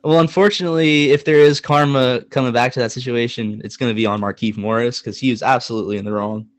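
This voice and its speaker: A man's voice: medium pitch, fast talker, no room sound. Joking young man co-hosting a sports podcast. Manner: animated, joking, emphatic repetition. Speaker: podcast co-host. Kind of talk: casual sports podcast chat.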